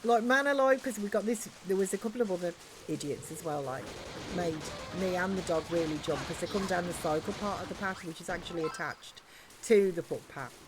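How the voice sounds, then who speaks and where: Speaking briskly over music, a woman with a lowish voice streams a game and chats away. She rambles through stories casually, peppering them with regional slang.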